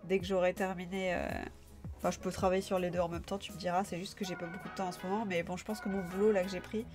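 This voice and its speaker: A woman's voice: fairly low pitch, flat delivery, quick pace, darkish tone, faint music behind. A young woman from France hosting a live stream, chatting loosely with viewers, full of fillers and restarts. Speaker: livestream host. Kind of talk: casual live chat with viewers.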